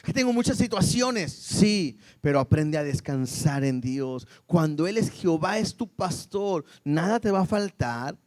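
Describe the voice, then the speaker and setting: A man preaching a sermon to a church congregation, lively and full of questions to the people. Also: a little high, a little slow, hardly any pauses. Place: church service before a congregation.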